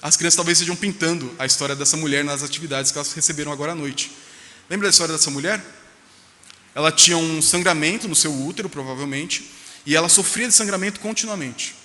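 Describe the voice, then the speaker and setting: A man's voice: on the high side, fast talker, bright, forceful tone. A male pastor, delivering an emphatic sermon with rhetorical questions in a church. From Brazil. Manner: emphatic preaching, rhetorical questions, voices quoted speech. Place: church sanctuary. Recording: reverberant church hall.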